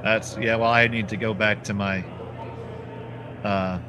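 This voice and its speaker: A man with a Philadelphia accent does play-by-play commentary on a curling match, bantering playfully with his partner. His fairly low voice is flat and a little slow, and the background is noisy.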